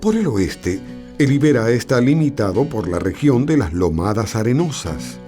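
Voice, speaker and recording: A man narrating a scripted nature documentary in a measured, explanatory way. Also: mid-range voice, very animated, mellow. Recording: music behind the voice. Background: background music.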